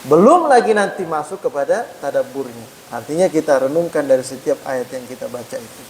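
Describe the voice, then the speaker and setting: A man giving a mosque study lecture, chatty and addressing listeners as sir, saying "ya" after nearly every phrase and slowly demonstrating Arabic letter sounds. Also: medium pitch, expressive, darkish tone, slight background noise, rough recording. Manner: punctuates phrases with a frequent "ya"; conversational, addresses listeners as "Pak". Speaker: Islamic teacher.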